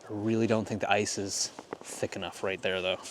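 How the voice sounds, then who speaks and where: Low-voiced man vlogging outdoors by a frozen lake. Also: level tone, normal speed. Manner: easygoing, muttered asides, thinking aloud while shooting. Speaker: photography vlogger. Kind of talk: casual walk-and-talk vlog, musing to viewers. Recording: noisy outdoor wind and ambience. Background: clear outdoor ambient noise.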